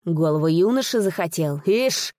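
A woman voicing a proud, defiant old male servant who shouts in anger. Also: on the low side, lively intonation, moderate pace, close to an everyday voice. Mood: furious. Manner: shouting, indignant.

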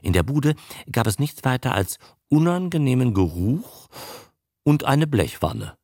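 A man reading a story aloud in a lively, animated way. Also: mid-range voice, measured pace, dry recording, studio quality. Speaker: narrator.

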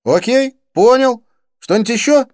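A man doing an eager, excitable young racer. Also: high-pitched, moderate pace, dry recording, studio quality, voice pushed up. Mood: excited. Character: eager young man caught up in a street race.

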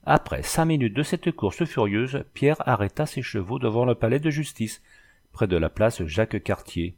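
A man reading a classic novel aloud as scripted narration, in a measured, even storytelling delivery. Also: medium pitch. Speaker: audiobook reader.

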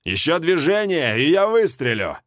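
Man doing a hostile old pilot, shouting orders, harsh, raised pitch, dry audiobook sound. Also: very animated, normal speed, no room sound. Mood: threatening. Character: elderly man, armed helicopter pilot, hostile.

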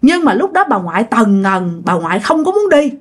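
A woman's voice: a little high, big pitch swings, moderate pace, husky. A woman casually telling a ghost story, chatting directly to her listeners.

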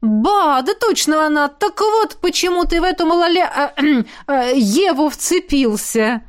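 A woman reading aloud voices a blunt, teasing young woman fighter in a storybook, speaking loudly and mockingly. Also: high voice, sing-song, a little slow, pitched above the performer's own voice. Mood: boisterous.

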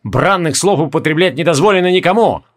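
A man doing a blustering gruff guard captain. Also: on the high side, lively intonation, a little fast. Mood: scolding. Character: gruff loud male guard captain, barks and scolds.

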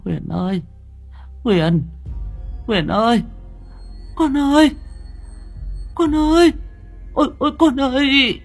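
A man's voice: high-pitched, moderate pace, darkish tone, breathy edge, faint music behind, pitched above the performer's own voice, full character voice. A man voicing a frightened village mother of about fifty who stammers and wails in panic. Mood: terrified wailing.

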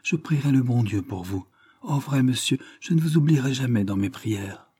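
A man's voice: mid-range voice, lively intonation, moderate pace, dark tone, breathy edge, voice pushed up. A man voicing a sly, lying old peasant widow who whines and pleads. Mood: whining pleading.

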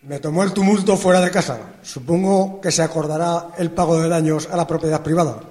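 An actor playing a self-righteous, aggrieved shopkeeper in a radio drama, scornful of the mob. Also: male voice, fairly high pitch, fairly even intonation, fairly quick, darkish tone, lightly acted. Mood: indignant. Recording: reverberant hall.

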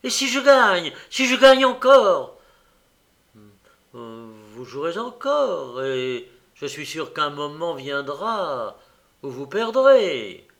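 Guy voicing a tormented old gambler man, strained and shouting, audiobook. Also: a little high, big pitch swings, takes it slowly, creaky, heavily acted. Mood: furious. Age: older. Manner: anguished, rising to shouted rage. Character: old tormented male gambler, desperate and furious.

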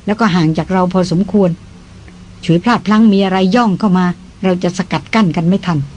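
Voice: medium pitch, a little fast, a little mellow, close to an everyday voice, low-quality recording. A reader voicing a cautious young noblewoman in an audiobook, talking in a careful, earnest way. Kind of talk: audiobook dialogue.

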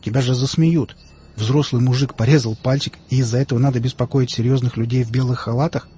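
A man reading an audiobook voices an indignant, stubborn young man who argues loudly and refuses to back down. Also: mid-range voice, fairly even intonation, fast talker, a little hiss or hum, natural voice. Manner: indignant, arguing. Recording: dull lo-fi audiobook, faint music.

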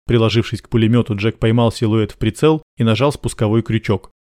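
A man reading an action novel aloud in a measured, even audiobook narration. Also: on the low side, dry recording, clean studio sound. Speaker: audiobook reader.

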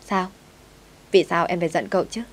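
A timid young servant girl in a spoken storybook, voiced by a woman reader, meek and polite, always deferring to her young master. Her voice sits a little low and turns pleading when she is scared. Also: steady tone, normal speed, close to an everyday voice.

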